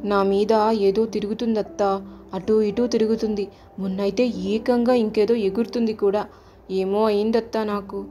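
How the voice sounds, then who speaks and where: A sorrowful male planet Mars, as a woman storyteller puts him on, slow and tearful, in a mellow, soft-toned storybook voice. Faint music plays under the telling. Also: mid-range voice, level tone, lightly acted. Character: sad frightened male planet Mars, wearing a mask.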